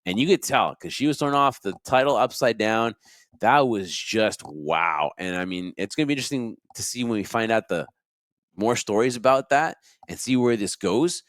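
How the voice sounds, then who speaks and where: A man co-hosting a podcast, chatting casually about wrestling in a rambling, animated way. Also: medium pitch, brisk, no room sound, studio quality. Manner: animated, rambling, laughs often. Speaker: podcast co-host.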